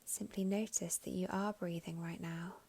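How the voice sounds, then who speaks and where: In a guided meditation, a woman with a fairly low, noticeably creaky voice speaks softly and soothingly in a steady tone. She takes her time, leaving long pauses, and her phrases grow breathy and trail off toward a whisper.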